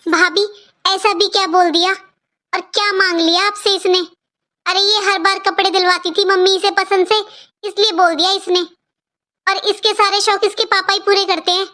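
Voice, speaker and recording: A woman voicing a gentle, restrained mother in a cartoon, speaking softly and calmly. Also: very high voice, moderate pace. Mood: defending. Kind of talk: cartoon voice acting.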